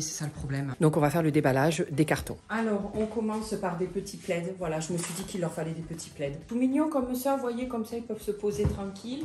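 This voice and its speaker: A woman's voice: on the low side, a little mellow. A woman from France, chatting casually on her home vlog, joking crudely and mocking herself. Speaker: vlogger.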